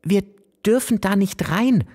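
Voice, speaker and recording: Brief: bossy rule-citing schoolgirl, voiced by a man, raised pitch, children's audiobook. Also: lively intonation, unhurried, darkish tone, breathy edge, full character voice. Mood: insistent. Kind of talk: storybook character voice.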